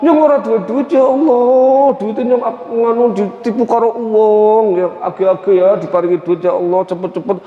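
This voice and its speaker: Man doing a Tegal Javanese villager, drawn-out pleading, raised pitch, dull echoey mosque sound. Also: fairly even intonation, lightly acted.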